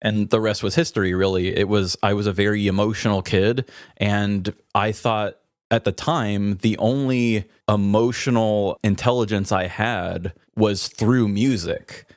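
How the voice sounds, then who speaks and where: A podcast co-host chats casually in a candid, introspective, wordy way. His fairly low voice is steady and unhurried, and the clean studio recording has no echo.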